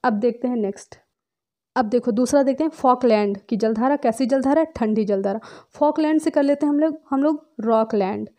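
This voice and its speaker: A woman's voice: fairly high pitch, moderate pace, warm tone. A young woman gives a chatty, playful lesson on memory tricks, acting out little scenes. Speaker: teacher.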